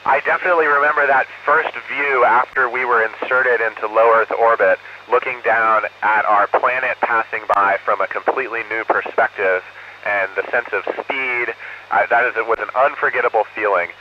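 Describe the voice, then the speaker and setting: A man's voice: medium pitch, fairly even intonation. Man over a crackly space radio link. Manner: earnest and measured, ends each answer with 'over'. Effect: crackly space-to-ground radio downlink. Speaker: astronaut answering student questions. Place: orbiting space station. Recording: dull radio link with faint static hiss.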